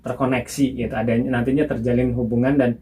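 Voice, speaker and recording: A man's voice: medium pitch, little pitch movement, quick pace, warm tone, a little hiss or hum. Patient man explaining with chuckles. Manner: patient, explaining with examples and laughs. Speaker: husband teaching his wife. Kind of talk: casual instructional chat.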